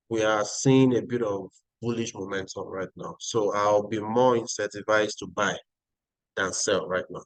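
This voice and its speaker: A Nigerian-accented man with a fairly low voice hosts a live trading stream, walking viewers through charts and replying to their chat. The recording is dry and rough.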